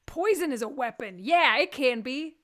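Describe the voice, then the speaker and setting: A Texan woman hosts a live stream, chatting casually and cracking jokes in rambling asides. Her voice sits high and a bit bright, animated, at a moderate pace, in a casual comedic chat.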